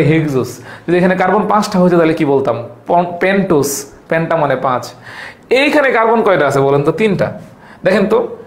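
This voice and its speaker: A man's voice: a little high, echoey room. A man teaching a biology lecture to students, asking questions and answering them himself, with English words mixed into his Bengali. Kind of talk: recorded classroom lecture.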